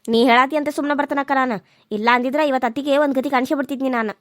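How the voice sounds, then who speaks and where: A woman's voice: sits high, fairly even intonation, very fast, a bit bright, no echo, clean studio sound. A woman voicing an aggrieved, defiant young village daughter-in-law with a North Karnataka accent in a cartoon serial. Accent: North Karnataka Kannada.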